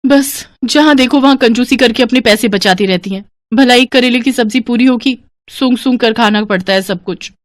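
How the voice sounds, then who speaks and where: A woman voicing a put-upon young daughter-in-law in a cartoon, complaining and pleading in a higher voice. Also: steady tone, fairly quick, no room sound, natural voice. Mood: grumbling.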